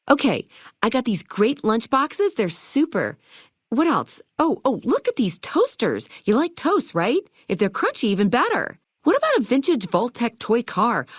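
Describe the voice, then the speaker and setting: Sassy and theatrical, this bubbly young shopkeeper from a video game has a high-pitched voice that swings widely in pitch, and she sprinkles in retro slang. The recording is close and dry, without any echo.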